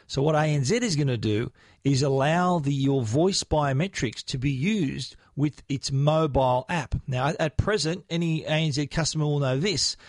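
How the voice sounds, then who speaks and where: Chatty Australian tech podcast host. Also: male voice, a little high, no room sound, clean studio sound. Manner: conversational, with frequent restarts and fillers. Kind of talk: podcast tech news segment.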